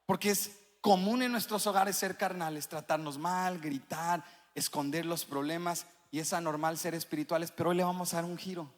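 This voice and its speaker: A male pastor preaching a sermon, rising to sung, shouted climaxes and dropping to quiet passages. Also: fairly even intonation, normal speed. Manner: preaching that swells into sung, shouted climaxes, then drops low. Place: large church hall. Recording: long church reverb.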